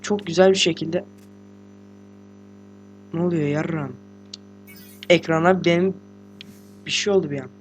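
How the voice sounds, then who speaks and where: A teenage boy, a gaming host, giving casual let's-play commentary while sick and talking quietly, chatty, slangy and joking with swearing. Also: on the high side, fairly even intonation, a little slow, long pauses, soft background music. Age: teens. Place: room at home with a computer.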